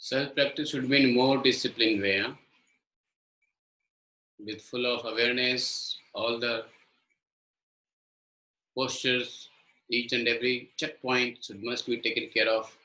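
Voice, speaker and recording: A man's voice: mid-range voice, steady tone, drawn-out words, long pauses, sharp tone, echoey room, rough recording. Indian man coaching an online yoga class. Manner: mixes Hindi and English, coaching students by name. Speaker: yoga teacher.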